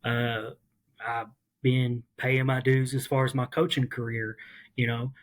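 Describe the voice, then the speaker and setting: A man, an assistant coach talking earnestly in a casual interview, pausing often with fillers. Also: medium pitch, flat delivery. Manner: earnest, halting with many fillers.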